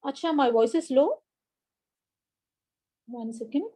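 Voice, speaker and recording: Slow and expressive, with a high voice and a dark tone, an online exam coaching teacher with an Indian English accent conducts a live video-call class. She greets students by name, encourages them, and repeats important points into a laptop or headset microphone.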